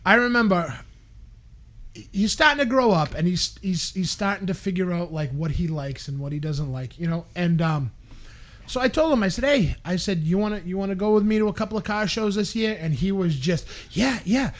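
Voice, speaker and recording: A man tells a story in a relaxed podcast chat. He acts out what people said and shouts at the peaks. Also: high-pitched, brisk. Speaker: podcast co-host.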